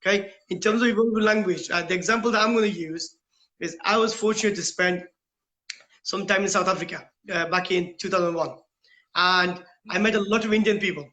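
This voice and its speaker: A middle-aged British man from the United Kingdom, a school principal, gives earnest, explanatory interview answers, often posing rhetorical questions and tagging points with "right?". His voice sits high and sounds bright and forceful, a little fast, on a rough recording.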